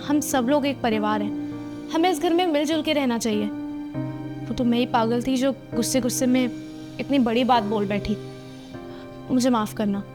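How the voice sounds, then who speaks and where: A woman's voice: fairly high pitch, moderate pace, pauses often, music in the background, natural voice. A woman playing a young wife who apologetically pleads with her sister-in-law in a scripted family drama. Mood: contrite.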